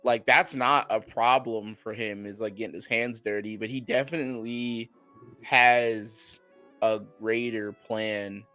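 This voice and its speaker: A man's voice: on the low side, steady tone, a little slow, sharp tone, smooth, faint music behind. A man co-hosting an anime podcast, laid-back and laughing often, with casual swearing. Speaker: podcast co-host. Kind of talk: casual chat.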